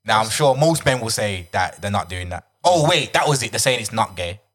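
A man's voice: on the low side, lively intonation, brisk, fairly bright tone. A man with a London roadman accent, chatting casually with friends in slang. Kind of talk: casual group chat.

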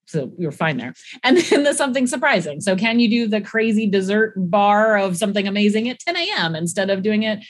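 A woman hosting an interview, adding short affirmations and explaining practical tips. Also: fairly high pitch. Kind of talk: casual interview talk.

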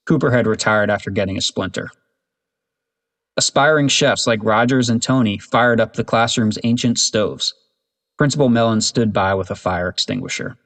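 A man reads a children's chapter book aloud in a low, steady voice. His narration is even and unhurried, in the manner of a storybook reading.

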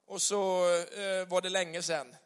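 A man's voice: high voice, flat delivery, smooth. A man preaching a conversational sermon, chatty and full of acted-out little dialogues. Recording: long hall reverb.

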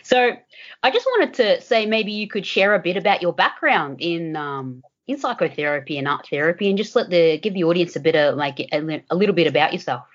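A woman hosting a podcast, reading a measured prepared introduction and asking her guest questions. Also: on the low side, expressive, dull audio. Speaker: podcast host.

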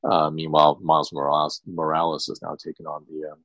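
A man's voice: very deep voice, completely flat delivery, quick pace, a bit bright, dry recording, highs cut off. A man co-hosting a podcast, retelling a story at length with frequent ums and restarts. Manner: rambling storyteller, many ums. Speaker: podcast co-host, attorney. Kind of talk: casual podcast chat.

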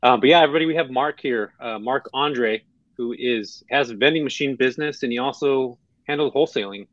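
A man's voice: medium pitch, brisk, fairly bright tone, no room sound. Friendly, joking male podcast host, dull dry lo-fi mic. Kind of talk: casual interview.

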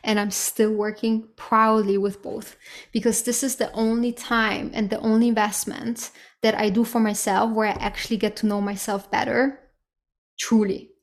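A podcast host in her thirties speaks at normal speed in a slightly high, level voice. Her solo monologue is reflective, candid and casual, lightly profane, full of "like" and "right?".

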